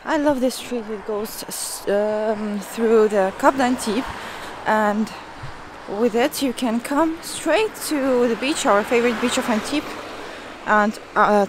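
Woman, travel vlogger, chatty, eager, mid pitch, faint background hiss. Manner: chatty, enthusiastic, frequent fillers. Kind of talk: casual travel vlog narration. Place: outdoors on a coastal street.

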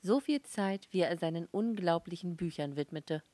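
A woman reading a novel aloud as an audiobook, in a calm, measured storytelling voice. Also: fairly low pitch, no room sound. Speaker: audiobook reader. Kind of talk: scripted narration.

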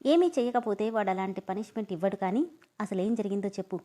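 A woman's voice: medium pitch, quick pace, warm tone, close to an everyday voice. A woman reading a story aloud, voicing a confident young man who questions his friend firmly. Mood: questioning. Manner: questioning, firm. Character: confident young man, amused then stern.

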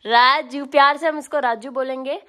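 A woman's voice: a little high, steady tone, normal speed, crowd noise. A young woman chatting casually to her vlog viewers, giggly and laughing as she talks. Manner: chatty, giggly, often laughing while talking. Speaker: vlogger.

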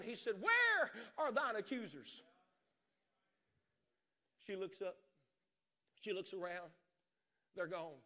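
A middle-aged man preaching an impassioned sermon on a large church stage, swinging from shouts to hushed storytelling. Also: sits high. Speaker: pastor.

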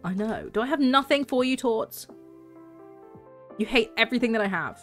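A woman's voice: fairly high pitch, animated, moderate pace, soft background music. A young woman chatting and joking while she streams a farming game. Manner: chatty, giggly, self-mocking. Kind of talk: casual gameplay commentary.

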